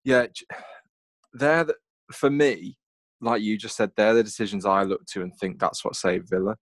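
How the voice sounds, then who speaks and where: A man's voice: fairly low pitch, fairly even intonation, normal speed, no room sound, clean studio sound. A man co-hosting a casual football podcast, chatty and self-mocking. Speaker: podcast co-host.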